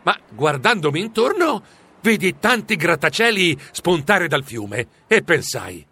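A man reading a storybook aloud in the first person, animated and exclamatory. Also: a little high, unhurried, slightly rough. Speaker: audiobook narrator.

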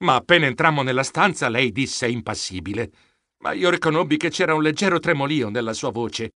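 A man narrating a children's adventure audiobook in the first person, with theatrical, expressive delivery. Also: mid-range voice, brisk, no echo, clean studio sound.

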